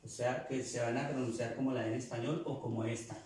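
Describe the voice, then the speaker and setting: A man teaching a language lesson, repeating words slowly to drill their pronunciation. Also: medium pitch, steady tone, a little mellow, far from the mic, a little hiss or hum. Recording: echoey room, voice from off-mic.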